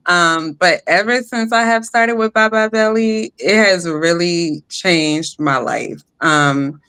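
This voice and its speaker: A woman guest sharing a personal testimony, hesitant with many pauses and light laughs. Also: lowish voice, fairly bright tone, clear, resonant tone.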